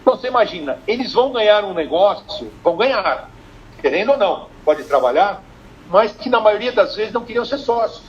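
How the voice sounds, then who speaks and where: An older Brazilian man, a family business consultant, telling lively stories in a live-streamed interview and acting out the dialogue. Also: high-pitched, a little fast. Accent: Brazilian Portuguese. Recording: dull lo-fi stream, faint noise.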